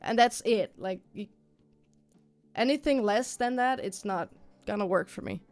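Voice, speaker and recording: Over background music, this live streamer speaks in a mid-range voice at a measured pace. Her chat is loose and informal, looping back on itself and sprinkled with swearing.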